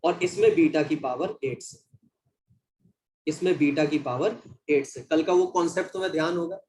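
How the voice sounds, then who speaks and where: A man's voice: fairly high pitch, normal speed, darkish tone, a little hiss or hum, rough recording. A man teaching a live online maths class, calling his students "beta" and "bhai" and reading their chat messages aloud.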